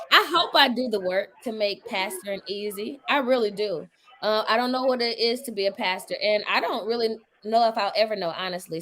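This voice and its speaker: A woman hosts an online gathering, speaking casually but emphatically to a live audience and tossing in joking asides. Her voice is medium-pitched and fairly bright, and the rough recording carries a bit of hiss or hum.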